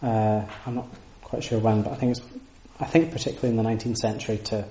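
The audio is poor, the room echoey: a man with a voice on the low side lectures informally on Sanskrit texts and answers audience questions, fast and mellow with a steady tone. He sounds thoughtful, restarting often and leaning on hedging fillers.

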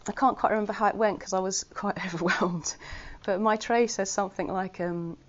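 Brisk and fairly even in intonation, this mid-range female voice delivers an informal Dharma talk to her Buddhist community. She speaks earnestly and conversationally with self-mocking humour, and the recording is a little muffled.

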